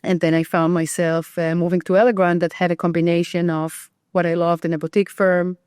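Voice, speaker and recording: A woman from Israel, a real estate agent guest on a podcast, talking conversationally with many ums and pauses. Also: on the low side, little pitch movement, darkish tone, clean tone, no room sound, studio quality. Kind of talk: podcast interview.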